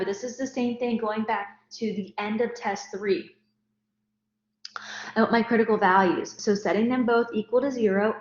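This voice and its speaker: A woman walks through a math problem one step at a time, talking as she works. The sound is roomy and slightly dull, like a lo-fi lecture recording in an echoey space. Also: on the high side. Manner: step-by-step, explanatory. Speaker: math teacher.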